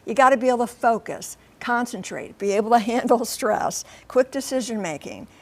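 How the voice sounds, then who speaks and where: Speaking at normal speed in a slightly high voice, an American woman who is a TV transportation correspondent and pilot reports live on TV. Her explanations are conversational yet emphatic, delivered in short, clipped phrases.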